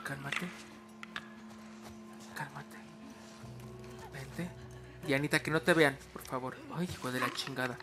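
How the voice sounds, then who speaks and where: Hushed Mexican man playing a stealth game. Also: medium pitch, slow, pauses often, loud music behind the voice. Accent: Mexican Spanish. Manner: hushed, coaching himself through stealth, sudden loud outbursts. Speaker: gaming streamer. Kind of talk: let's-play commentary.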